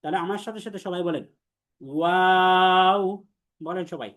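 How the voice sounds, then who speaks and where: A man's voice: high-pitched, animated, rapid-fire. A man teaching an Arabic letters class for the Quran, explaining step by step with patience and repetition, and leading students in call-and-response drills.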